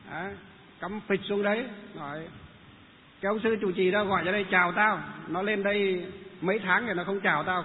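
A man who is a Buddhist monk, telling a story and asking himself questions. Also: sits high. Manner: lively, rhetorical questions. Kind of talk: storytelling talk. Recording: tinny phone-like sound with long reverb and faint noise.

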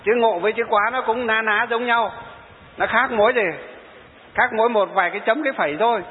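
A man's voice: sits high, brisk. A man, a Buddhist monk giving a storytelling sermon and quoting his followers. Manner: storytelling, quoting followers and answering rhetorical questions. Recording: tinny phone-like sound in a reverberant hall.

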